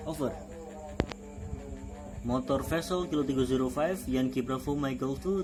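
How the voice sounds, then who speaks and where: Man acting as ship's officer on marine radio: formal, clipped procedure calls, slightly high voice, music underneath. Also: natural voice, poor audio. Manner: formal, clipped radio phrases with spelled call signs.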